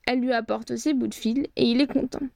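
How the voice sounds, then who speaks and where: Brief: a cunning female harpy boss, gravelly and clipped, menace in every word; a woman narrator puts her on. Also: a little high, steady tone, a little fast, darkish tone, dry recording, clean studio sound. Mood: blunt.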